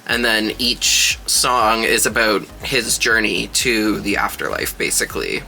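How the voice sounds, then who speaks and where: A man's voice: on the low side, measured pace, vocal fry, pushed and bright, rough recording. A man talking like a sassy, gushing drag queen, giving casual, slangy reaction commentary.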